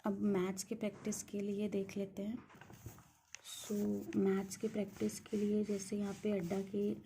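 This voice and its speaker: Flat, gravelly-voiced young woman. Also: medium pitch, unhurried, slight background noise. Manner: mixes English words into Hindi, frequent hesitation fillers. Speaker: banking exam aspirant sharing study resources. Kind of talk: casual screen-share walkthrough.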